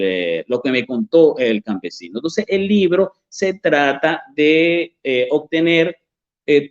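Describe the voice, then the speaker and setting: The recording is muffled, and the man's voice is a little high. An author and journalist with a Venezuelan accent, he answers interview questions hesitantly, with plenty of fillers and restarts.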